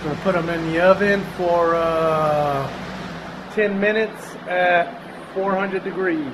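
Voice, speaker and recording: A man's voice: high-pitched, fairly even intonation, slow, background noise. A man narrating his own workshop vlog in a loose, chatty way, with many fillers and restarts. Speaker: DIY vlogger.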